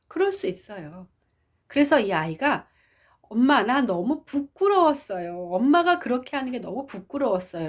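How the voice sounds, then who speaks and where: Husky-voiced woman giving an expressive parenting lecture. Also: mid-range voice. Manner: expressive storytelling, asks the audience questions.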